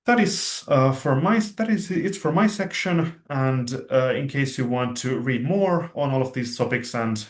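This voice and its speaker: A man presenting in an online session, hesitant with many pauses. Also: medium pitch. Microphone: video call. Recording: echoey room on video call.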